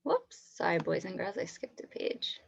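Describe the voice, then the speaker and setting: A woman's voice: fairly low pitch, sing-song, normal speed, gravelly, husky, highs cut off. A woman teacher giving an online read-aloud lesson to young children, asking them questions and praising their answers.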